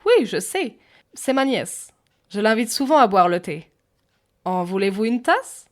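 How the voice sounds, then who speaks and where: A woman's voice: on the high side, big pitch swings, a little slow, pitched above the performer's own voice. A woman voicing a prim, stern elderly lady with an English accent, speaking genteelly in a storybook.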